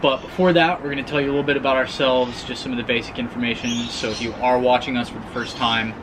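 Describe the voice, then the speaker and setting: A man in his twenties from Oregon, chatting casually in a Q&A vlog, relaxed and hesitant with many ums. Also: mid-range voice, quick pace, echoey room, background noise. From Oregon, United States. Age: 20s. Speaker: vlogger, youth missions worker. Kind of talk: casual Q&A chat.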